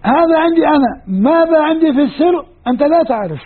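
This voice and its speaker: A man's voice: very high-pitched, animated, fast. A man with a Levantine Arabic accent teaching a classroom lecture on Quranic grammar, explaining step by step and posing questions to his students. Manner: explanatory, poses questions to students and answers them. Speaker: Islamic studies teacher. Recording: tinny lo-fi phone-like recording.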